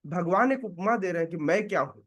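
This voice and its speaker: A man preaches a devotional scripture lecture, explaining slowly with many pauses and posing rhetorical questions to make sure his listeners are following. His voice is high and expressive, and the sound is lo-fi.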